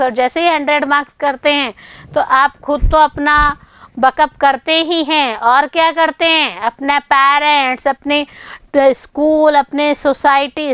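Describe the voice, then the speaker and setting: A woman teaching English grammar to students, asking questions and answering them herself, and reading English sentences slowly and carefully. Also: sits high, fairly bright tone, dry recording. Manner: addresses students as children, asks and answers her own questions; reads English lines slowly and deliberately. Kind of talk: online grammar lesson.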